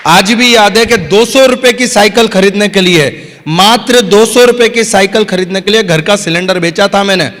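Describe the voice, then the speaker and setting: A man giving a motivational business training talk to a live audience, full of stories, humor and "yes or no" questions to the crowd. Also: sits high. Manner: energetic, repeatedly asks the crowd "yes or no"; storytelling with acted-out dialogue and humor. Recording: hall reverb.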